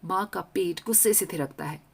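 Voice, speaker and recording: A woman narrating a story in first person as a young girl, with an expressive reading. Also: lowish voice, normal speed, gravelly, slightly rough.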